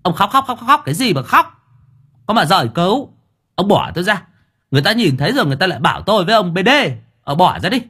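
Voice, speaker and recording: A man's voice: fairly high pitch, very animated, normal speed, husky, voice pushed up, full character voice. A man voicing a bossy young master who nags and scolds sharply. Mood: scolding. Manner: sharp, nagging, exasperated.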